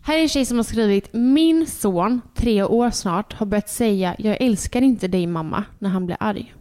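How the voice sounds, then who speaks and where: A young adult woman, co-hosting a casual podcast and telling lively stories about her toddler. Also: medium pitch. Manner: animated storytelling, acts out kids' voices. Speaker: podcast co-host. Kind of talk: casual chat.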